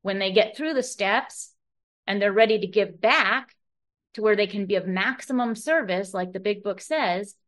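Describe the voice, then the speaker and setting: A woman's voice: medium pitch, moderate pace, a bit bright. A middle-aged woman sharing her story at a recovery meeting in a room full of people. She talks conversationally, restarts often and keeps checking in with the room. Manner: conversational storytelling, rhetorical tags, many restarts. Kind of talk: personal share at a meeting.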